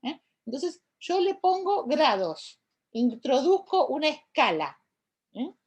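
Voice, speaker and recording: A woman with an Argentine Spanish accent teaches an online class in an explanatory way. Her voice sits high and moves animatedly across a wide pitch range. She keeps checking in with her listeners through short tag questions. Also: big pitch swings, takes it slowly. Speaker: university lecturer.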